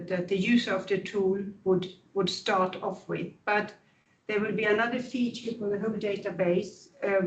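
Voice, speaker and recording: A woman presenting a tool at a conference, answering questions in a halting, thoughtful way. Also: mid-range voice, muffled recording, a little hiss or hum. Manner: halting, thoughtful explanation with fillers. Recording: echoey room, distant mic.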